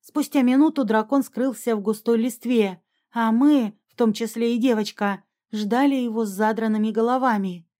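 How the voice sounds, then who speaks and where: A woman narrating a fantasy audiobook in the first person, in an even, measured way. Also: fairly high pitch.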